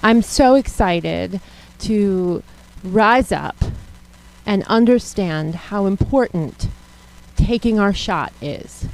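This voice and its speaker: A woman's voice: mid-range voice, expressive, slow, creaky, rough recording. A woman speaking as a guest co-host in an upbeat conversational style.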